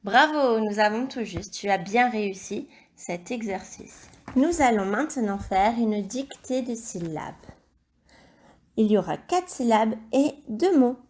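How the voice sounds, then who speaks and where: A woman teacher giving a recorded reading and dictation lesson to young children, speaking slowly and clearly and encouraging the child directly. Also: on the high side, animated, darkish tone. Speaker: primary school teacher.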